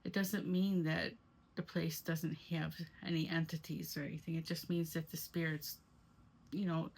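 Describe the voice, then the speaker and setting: A woman's voice: low voice, vocal fry, poor audio. A woman giving a casual, rambling first-person recap as an amateur paranormal investigator vlogger. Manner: rambling, conversational.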